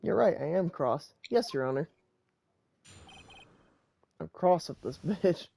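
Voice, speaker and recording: A man's voice: fairly high pitch, expressive, slow, creaky, dark tone, slight background noise. A young man doing casual, crude, joking gameplay commentary as a let's play host.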